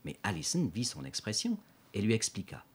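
Casting: deep husky man, calm audiobook narration. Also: fairly quick.

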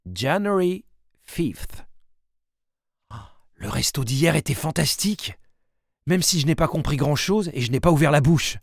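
A man's voice: on the high side, expressive, creaky, dry recording, studio quality. Wry male storybook narrator. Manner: wry, rapid asides between slow read-out lines.

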